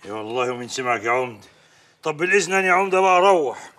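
Sly egyptian folk healer, teasing, high, quick. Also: male voice, lively intonation, fairly bright tone. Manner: teasing, chuckling, deferential. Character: sly village folk healer man, joking.

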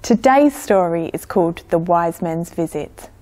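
A woman telling a Bible story for children, slow and expressive. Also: on the low side. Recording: echoey church hall.

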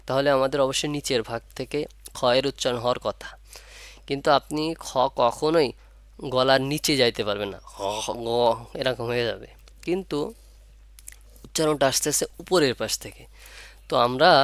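Smooth-voiced man teaching letter sounds. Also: mid-range voice, fairly bright tone, no echo. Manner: repeats letter sounds slowly, asks and answers his own questions. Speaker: Quran reading teacher. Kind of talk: step-by-step pronunciation lesson.

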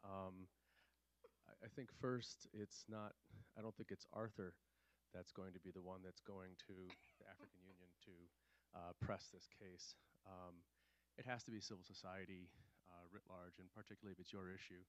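A man in his fifties standing in an audience with a handheld mic, challenging the panel in a measured way with hesitant fillers. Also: deep voice, little pitch movement. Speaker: program staff asking a question. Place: conference room audience.

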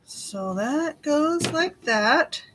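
A woman's voice: high-pitched, lively intonation, drawn-out words, a bit bright, slight background noise, low-quality recording. A woman hosting a live craft tutorial, chatty and giggly, laughing often as she explains each step. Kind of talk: live craft demonstration chat.

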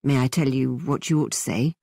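A woman voicing a witty, playful young gentleman who teases in a mock-theatrical way. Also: rumbling low, brisk, vocal fry, breathy edge, no room sound, clean studio sound, voice pushed down, exaggerated voice. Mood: teasing.

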